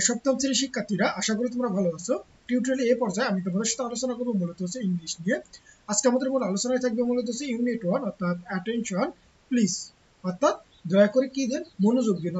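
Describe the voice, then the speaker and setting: A woman's voice: fairly high pitch, a little mellow. Woman tutor explaining a lesson. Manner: reads English lines slowly, then translates each into Bengali; repeats phrases and explains step by step. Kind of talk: recorded textbook lesson. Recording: slightly dull with faint hiss.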